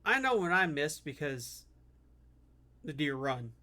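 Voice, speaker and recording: A man's voice: a little high, big pitch swings, takes it slowly, sharp tone, soft background music. A man giving casual reaction commentary as a streamer.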